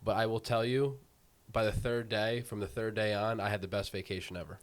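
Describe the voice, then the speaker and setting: A young man, co-hosting a podcast and telling quick, chatty stories. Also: lowish voice, level tone. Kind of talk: casual podcast conversation.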